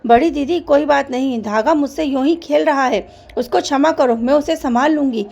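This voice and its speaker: A woman voicing a sewing needle in a children's story, a patient elder sister who reasons gently. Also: high voice, normal speed, vocal fry. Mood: affectionate.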